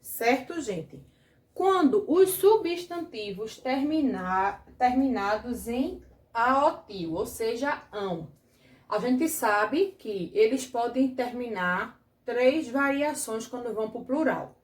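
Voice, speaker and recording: A Brazilian woman teacher with a rather high voice talks children through a grammar lesson. She goes slowly and patiently, checking in with the class after each step. The room around her is echoey. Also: lively intonation. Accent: Brazilian Portuguese. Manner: patient, explains slowly, keeps asking the class "certo?". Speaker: primary school teacher.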